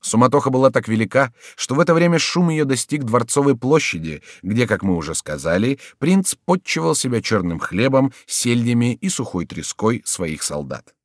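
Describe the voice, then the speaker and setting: A man reading an adventure novel aloud as an audiobook narrator, raising his voice to act out the characters' shouted lines. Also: mid-range voice, sing-song, normal speed, few pauses, no room sound, studio quality. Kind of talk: audiobook reading with acted dialogue.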